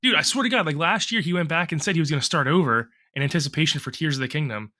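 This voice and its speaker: A man co-hosting a casual podcast, rambling and swearing through animated rants, still a bit congested from a cough. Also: fairly high pitch, very fast. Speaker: podcast co-host.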